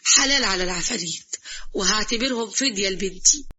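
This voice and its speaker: A woman's voice: mid-range voice, fairly quick, bright, forceful tone, husky, muffled recording. A woman voicing a fearful, pious middle-aged father with an Egyptian accent. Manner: exclaiming, pious, resigned.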